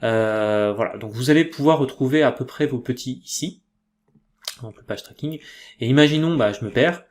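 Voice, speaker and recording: A man with a French accent giving a casual software tutorial, chatty and loose, with many fillers and self-corrections. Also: mid-range voice, normal speed. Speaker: tutorial presenter.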